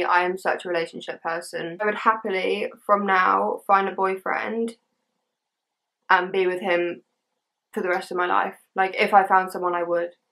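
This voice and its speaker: A woman's voice: medium pitch, a bit bright, poor audio. Chatty young English woman, slangy and informal. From England. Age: young adult. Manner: informal British teen slang, chatty, frequent "like". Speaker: social media creator. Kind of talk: casual chat to camera, reading out and answering assumptions.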